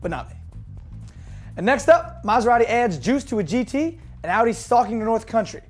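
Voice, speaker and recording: A hoarse woman hosting a daily car news show, reading scripted news with jokey deadpan asides. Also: fairly high pitch, fairly quick, soft background music. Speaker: host.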